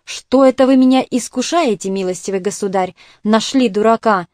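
A wheezing, gouty old clerk, voiced by a woman reading aloud, pleads in a hoarse, agitated rush. He is fearful and fervent, and his voice sits a little high. The sound is dry and close. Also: normal speed, a little mellow, no echo, lightly acted.

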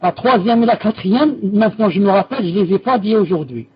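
A man's voice: sits high, animated, a little fast, slightly rough, lo-fi sound. A man teaching a religious lesson and answering students' questions, patiently repeating key terms and correcting himself as he explains.

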